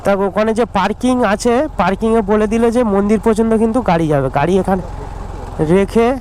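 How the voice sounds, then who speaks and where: A man's voice: sits high, quick pace, a little mellow, rough recording. A man travel vlogger with a Bengali accent, chatting casually to viewers as he rides and walks outdoors, stumbling and restarting now and then. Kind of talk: casual travel vlog narration. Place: outdoors, riding a motorbike on country roads and climbing steps. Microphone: action camera on the helmet. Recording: faint road and vehicle noise outdoors.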